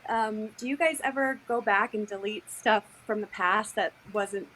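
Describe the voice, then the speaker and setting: A woman's voice: medium pitch, normal speed, very noisy. A woman attendee joining a live video-call Q&A, asking a question in a self-deprecating way. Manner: self-deprecating, laughs at herself. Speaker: attendee of the online training.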